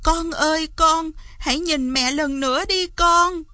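A desperate peasant mother cries out in high, strained, pleading tones, as a woman narrator puts her on. The voice sits well above the narrator's own and keeps its anguished, begging edge. This is a storybook read-aloud. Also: animated, unhurried, fairly bright tone, soft background music. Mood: pleading, frantic. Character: frantic grieving peasant mother.

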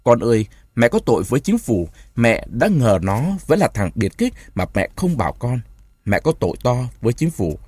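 A man's voice: mid-range voice, very animated, darkish tone, breathy edge, dry recording. A man voicing a grieving old mother in a storybook reading, speaking firmly and steadily. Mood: anguished. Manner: slow, firm, then crying out.

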